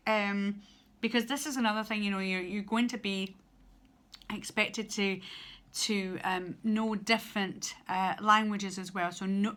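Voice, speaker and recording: In her vlog, a young student teacher from Scotland offers casual tips in a mid-range, slightly bright voice. Her delivery is chatty and halting, peppered with ums and false starts.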